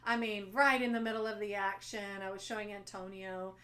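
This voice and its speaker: A woman's voice: medium pitch, flat delivery, brisk, sharp tone. Chatty woman co-hosting a podcast. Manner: chatty, laughs easily. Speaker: podcast co-host. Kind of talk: casual chat. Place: lives in Texas.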